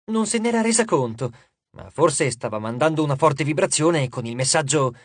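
A man's voice: on the high side, expressive, moderate pace, slightly rough, no room sound. A man narrating an audiobook, reading expressively and shifting his voice for each character.

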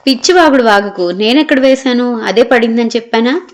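A man's voice: very high voice, a little fast, slight background noise. A woman voicing a snappish older army husband. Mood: exasperated. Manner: irritable barking orders.

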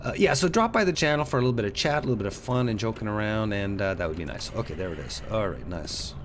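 Over the sounds of a video game, a man offers casual play-through commentary as a host, rambling and chatty with sudden exclamations. His voice sits on the low side, expressive and quick, and the recording is noisy.

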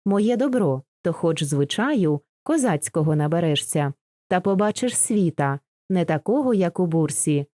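A woman reads the part of an old Cossack father, wise and steady, giving homely, instructive advice in the style of a storybook audiobook. Her voice is low and mellow, animated and measured in pace, recorded close and dry with no echo or room sound.

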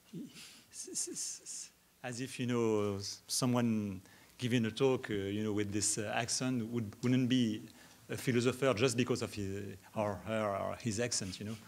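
A man with a voice on the low side responds during an academic Q&A after his keynote in a lecture hall. His answer comes out halting, full of stammers and restarts.

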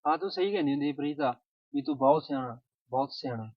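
A man's voice: mid-range voice, fast talker, vocal fry, husky, no room sound. A young man plays a lovesick village lad, mournful and pleading. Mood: grieving. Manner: mournful and pleading, dropping his voice. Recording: tinny phone-like sound.

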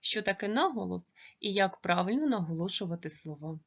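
A woman teacher giving a primary school lesson, pronouncing words slowly and carefully. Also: medium pitch, expressive, fairly bright tone, breathy edge, muffled recording. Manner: slow, careful pronunciation when modelling words.

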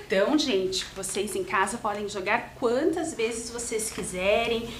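A woman's voice: medium pitch, a little slow, a little hiss or hum. A woman teaching a primary school lesson to children, patiently spelling and counting aloud step by step. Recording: roomy echoing room.

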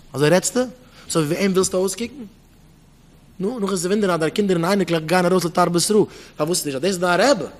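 A man's voice: fairly high pitch, a little hiss or hum. A man preaching with pointed questions. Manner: repeats pointed rhetorical questions, mixes in English words. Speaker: rabbi giving a Torah talk.

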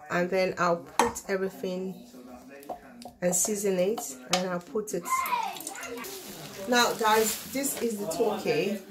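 A woman's voice: medium pitch, noisy background. A middle-aged woman from Nigeria talking through a home cooking demonstration step by step, checking that her listeners follow along. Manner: chatty, explains step by step, often checks in with "do you understand?". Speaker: home cook vlogger. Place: home kitchen, indoors. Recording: echoey kitchen with children chattering.

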